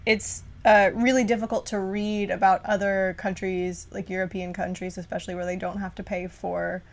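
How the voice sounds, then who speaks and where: A woman's voice: mid-range voice, flat delivery, moderate pace. A young adult woman co-hosting a casual podcast, rambling and filling her talk with "like.". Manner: rambling, heavy use of "like" fillers. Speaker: podcast co-host.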